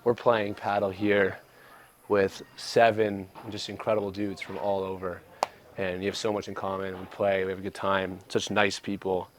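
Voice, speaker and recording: Young male vlogger from Canada, deep and steady delivery, earnest and reflective. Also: moderate pace, slight background noise. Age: 20s. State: out of breath. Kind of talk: casual travel vlog. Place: traveling abroad, outdoors and in.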